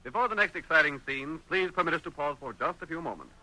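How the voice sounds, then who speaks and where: A man's voice: a little high, animated, fast talker, bright, forceful tone, poor audio. A man narrating an old-time radio drama as its announcer, in a dramatic, formal scripted style. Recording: vintage radio broadcast recording.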